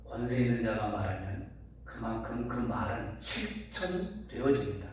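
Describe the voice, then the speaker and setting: A man's voice: lowish voice, big pitch swings, moderate pace, a little hiss or hum. A pastor preaching a Sunday sermon, speaking earnestly to his congregation and posing rhetorical questions. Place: church sanctuary. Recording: very echoey hall, voice from far off.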